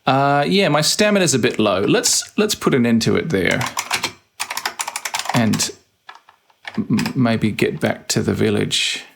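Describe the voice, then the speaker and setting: A man's voice: mid-range voice, slow pace, vocal fry, pauses often, noisy background. A man hosting a let's play, playfully muttering his typed game commands aloud in casual commentary.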